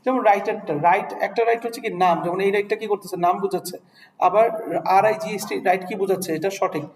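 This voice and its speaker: A man's voice: high-pitched, fairly even intonation, fast. A man with a Bangladeshi accent teaching an English test class in a classroom, mixing English words into Bengali and often asking the students checking questions. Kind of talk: classroom lecture. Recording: echoey room, faint noise.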